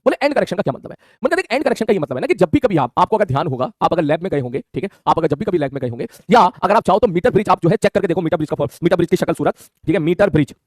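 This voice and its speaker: A man teaching a physics lesson online, talking in a quick, colloquial way and checking in with his students constantly. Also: high voice, expressive, no echo, clean studio sound. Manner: rapid colloquial Hindi, calls students "mere bhai", frequent "theek hai".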